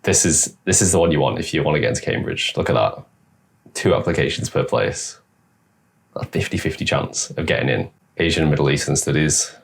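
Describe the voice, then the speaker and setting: A man's voice: extremely low pitch, vocal fry, a little hiss or hum. A young man hosting a reaction video, casually commenting on clips with sarcastic asides. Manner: sarcastic, talks back at clips with quick asides.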